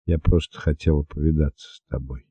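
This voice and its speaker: A man's voice: rumbling low, fairly even intonation, fairly quick, mellow, slightly rough, no room sound. A man voicing a determined young woman. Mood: earnest. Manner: firm, pleading. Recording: dull dry lo-fi recording.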